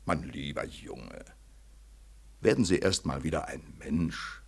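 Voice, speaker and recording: In a 1940s radio drama recording, an actor plays a jovial, condescending older colonel who is pompous and repeats himself. The male voice is husky, extremely low-pitched and slow, with a heavily acted, patronising delivery.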